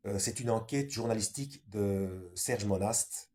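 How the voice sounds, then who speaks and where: A man's voice: lowish voice, unhurried, darkish tone. A man reads passages aloud on his own channel in a middle-range voice. He keeps stopping for offhand remarks, full of hesitation sounds and little tag questions. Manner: loose, with many fillers and tag questions. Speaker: channel host. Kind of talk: reading texts aloud with spoken asides.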